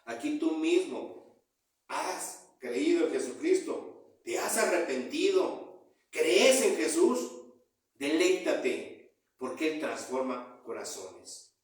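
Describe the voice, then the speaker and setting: A man preaching a sermon, calling out to his listeners as brothers, his voice swelling loud then dropping low. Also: very animated, slow pace, distant mic. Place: church hall. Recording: echoey room, voice from off-mic.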